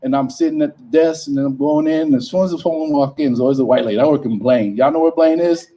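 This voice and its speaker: A man's voice: on the high side, fast talker, dark tone. A man from Liberia doing freestyle stand-up at an open mic, loose and conversational. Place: outdoor bonfire event. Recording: distant mic with background noise.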